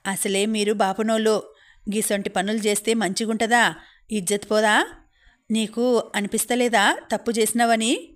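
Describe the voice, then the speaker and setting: A woman voicing a motherly village housewife who consoles and chides gently, speaking with a Telangana accent in an audiobook reading. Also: medium pitch, fairly even intonation, normal speed, close to an everyday voice. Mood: consoling. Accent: Telangana Telugu.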